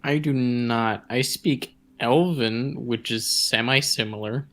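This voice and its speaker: A man's voice: mid-range voice, takes it slowly, a bit bright. A man playing a tabletop role-playing game, talking casually as he reports what his character does.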